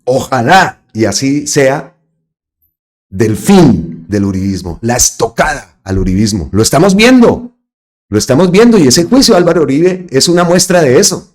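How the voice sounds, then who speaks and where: A man delivers a political commentary monologue as host of his own channel. He talks at a mid pitch for a man and leans hard on his points, repeating key phrases to drive them home. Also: very animated, moderate pace. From Colombia. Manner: emphatic, repeats phrases for stress.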